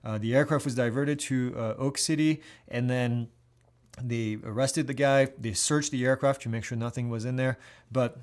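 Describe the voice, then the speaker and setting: A man's voice: medium pitch, steady tone, moderate pace, a little mellow. A man hosting a weekly aviation news update, talking in a casual, conversational way with many fillers and restarts.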